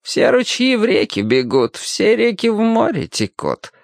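A man's voice: sits high, huge pitch swings, gravelly, no echo, clean studio sound, pitched above the performer's own voice, heavily acted. Man reading a quavering, teasing old cobbler. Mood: storytelling. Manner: folksy, teasing, slow and sly. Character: kindly wry old male cobbler, chuckling. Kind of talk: audiobook character voice.

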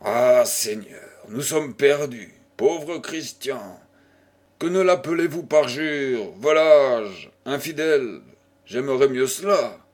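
A man's voice: mid-range voice, animated, takes it slowly. A man voicing an elderly aristocratic dowager who teases and fusses over a young widow, in a storybook reading. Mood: dismayed. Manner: mock-scolding, playful, exclamatory.

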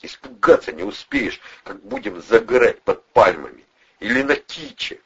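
A man voicing a tough young male thug, an ex-boxer, who talks in rough, threatening slang. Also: on the low side, very animated, normal speed, lo-fi sound, a little hiss or hum.

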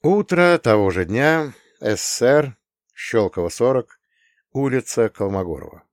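A man narrating an audiobook with expressive storytelling. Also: medium pitch, unhurried, dry recording, clean studio sound.

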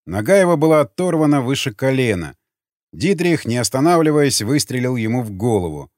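A man reading an audiobook in steady, dramatic storytelling. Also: medium pitch, fairly quick, dry recording, studio quality. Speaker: audiobook narrator. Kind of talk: audiobook narration.

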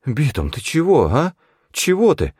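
A man's voice: fairly high pitch, wildly swooping pitch, unhurried, darkish tone, slightly rough, no room sound, clean studio sound, voice pushed up, full character voice. A man doing a whiny, pleading junkie.

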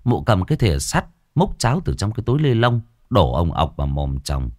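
Male horror narrator, low and lively in delivery, dry close recording. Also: fairly quick, no room sound. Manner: dramatic, expressive storytelling. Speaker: storyteller. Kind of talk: ghost story narration.

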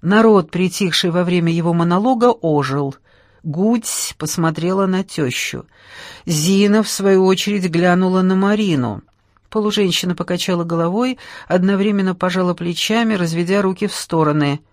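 A woman narrating a literary audiobook in a measured, even manner. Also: lowish voice, no room sound, studio quality.

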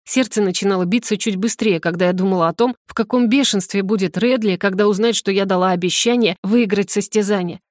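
A woman narrating a first-person audiobook in an even storytelling manner. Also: mid-range voice, a little fast, hardly any pauses, dry recording, clean studio sound.

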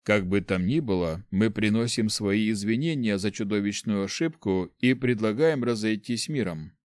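A man's voice: lowish voice, expressive, darkish tone, no room sound, studio quality, lightly acted. A man voicing a composed, diplomatic earth mage in a storybook reading. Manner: measured, conciliatory.

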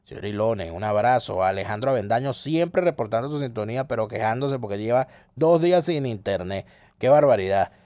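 A man's voice: mid-range voice, animated, fairly quick, warm tone, no echo. A male radio co-host with an ordinary mid-range voice, greeting listeners and bantering playfully. He hesitates with fillers as he jokes. The sound is dry and close to the mic.

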